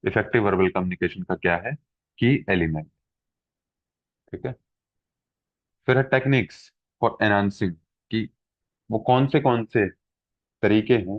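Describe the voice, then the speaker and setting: A middle-aged man gives an exam-prep lecture step by step in a fairly low voice, mixing in English terms and checking with students through frequent "ठीक है." The recording is tinny, phone-like, and dry with no room sound.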